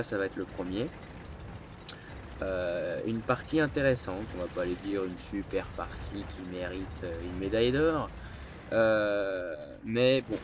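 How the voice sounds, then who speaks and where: A man with a mid-range voice and a stuffy nose from a cold chats loosely over his gameplay, hesitating often and filling pauses with filler sounds. There's a little background noise.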